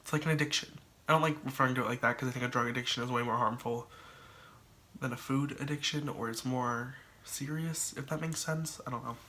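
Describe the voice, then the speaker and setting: A man's voice: mid-range voice, fairly even intonation, brisk, sharp tone. Congested, chatty young-sounding man vlogging. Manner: chatty, thinking aloud with many likes and ums. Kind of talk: casual solo talk to camera.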